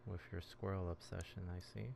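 A man doing casual gaming commentary in an extremely deep voice full of creak. He talks offhandedly, as if to himself, with clear game noise behind him. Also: little pitch movement, a little fast, darkish tone. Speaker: gaming video host. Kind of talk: casual let's play commentary.

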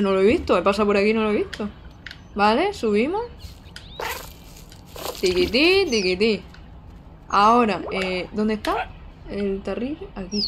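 A young woman, chatting excitedly and casually while she streams a video game. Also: mid-range voice, slight background noise. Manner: excitable, chatty, with frequent squeals and giggles. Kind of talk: casual live-stream gameplay chat.

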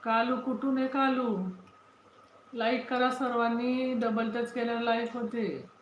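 A woman's voice: fairly high pitch, little pitch movement, unhurried, a little hiss or hum. A woman hosting a casual livestream, chatting and reading viewer comments, greeting people by name and repeating her questions. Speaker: livestream host. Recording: roomy, dull lo-fi phone audio.

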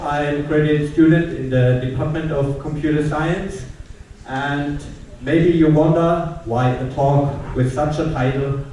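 A man's voice: on the high side, dark tone, slight background noise. A young man with a German accent, a graduate student giving a playful, teasing, mock-dramatic welcome talk to new students. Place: large lecture hall. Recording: echoey hall from far off.

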